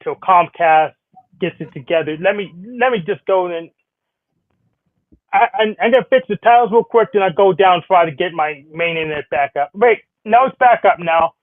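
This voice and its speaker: A man's voice: high voice, dry recording, phone-quality sound. A man chatting casually from his home office through a wireless earbud, heard on a thin, glitchy line, rambling and correcting himself as he goes. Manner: rambling, self-correcting, hurried. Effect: thin glitchy earbud mic sound. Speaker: co-host. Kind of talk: casual chat.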